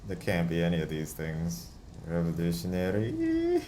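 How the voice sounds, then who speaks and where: A man's voice: low-pitched, moderate pace, a little mellow, a little hiss or hum. A man giving casual, chatty commentary while playing a video game. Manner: chatty, laughing, self-talking. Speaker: let's play host.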